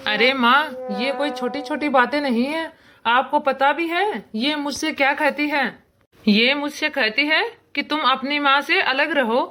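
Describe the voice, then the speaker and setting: A woman's voice: high voice, a little slow, bright, forceful tone, slight background noise. A woman voicing an angry young husband in a cartoon, indignant and arguing. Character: angry young Indian husband, mother's son. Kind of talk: cartoon voice acting.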